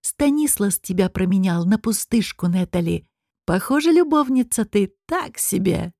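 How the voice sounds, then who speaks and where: A woman voicing a sneering, smug male high demon nobleman in an audiobook, with a mocking, taunting drawl. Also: lively intonation, moderate pace, warm tone, no room sound, clean studio sound. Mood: gloating. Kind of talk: audiobook character reading.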